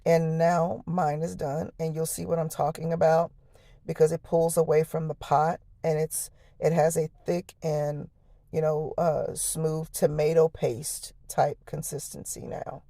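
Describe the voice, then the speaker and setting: A woman with an American accent speaks in a low, harsh voice, hoarse as if worn out. Her delivery is flat and mellow, a casual and folksy cooking narration. She talks straight to the viewer in a chatty, homely way. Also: measured pace, no echo, clean studio sound. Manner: folksy, chatty, addresses viewers as y'all and honey. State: hoarse, voice lost from the night before. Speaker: home cook, vlog host.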